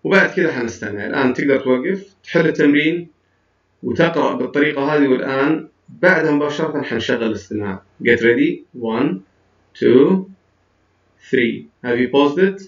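A man's voice: mid-range voice, distant mic. Man teaching English, heard from off-mic. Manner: explains in a mix of Arabic and English with counted pauses. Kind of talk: recorded classroom lesson. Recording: dull, roomy sound from off-mic.

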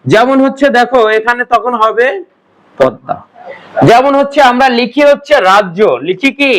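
Male grammar teacher with a strikingly high voice; patient classroom lecturer who quizzes his students and answers himself. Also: a little fast, fairly bright tone, low-quality recording. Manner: patient step-by-step explaining.

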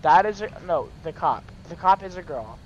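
Excitable man in casual gameplay chat. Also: high voice, moderate pace, lo-fi sound, a little hiss or hum. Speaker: gamer playing and voicing game dialogue. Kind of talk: casual let's play chat.

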